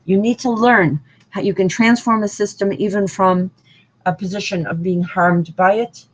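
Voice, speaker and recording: A woman's voice: medium pitch, fairly even intonation, moderate pace, slightly rough, rough recording. A woman hosting an online devotional broadcast, listing names in a rambling, sing-song way. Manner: lists names in long chants, sing-song repetition. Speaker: host of a spiritual online broadcast. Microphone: online hangout broadcast.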